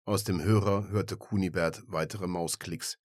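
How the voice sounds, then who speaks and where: Low-voiced male audiobook narrator. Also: no echo, studio quality. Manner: even, measured storytelling.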